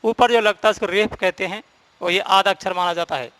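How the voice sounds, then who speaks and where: A man's voice: sits high, fairly even intonation, brisk, a bit bright, no echo. A man teaching a Hindi grammar lesson, explaining rules step by step and repeating the key points.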